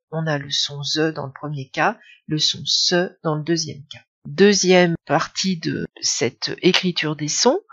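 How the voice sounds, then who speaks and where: A French-accented woman teaching a recorded spelling lesson, explaining step by step with fillers and small self-corrections. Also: mid-range voice. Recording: slightly dull, lo-fi sound.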